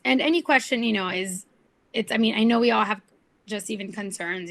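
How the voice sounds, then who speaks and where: A young woman, a journalist guest, talking casually and telling animated stories with lots of quoted dialogue. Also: mid-range voice, rough recording. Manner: chatty, animated storytelling with quoted voices. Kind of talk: casual video-call talk.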